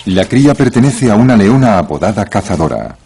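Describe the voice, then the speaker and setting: A man's voice: on the low side, very animated, fairly quick, creaky, background noise. A man reading scripted narration for a nature documentary. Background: music bed.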